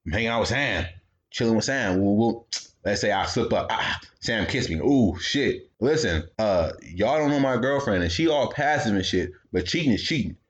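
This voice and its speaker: A man's voice: lowish voice, normal speed, lo-fi sound. A young man hosting a podcast, telling a casual comedic story in slang and acting out the voices of the people in it. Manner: animated storytelling, slangy, acts out quoted voices. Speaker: podcast host.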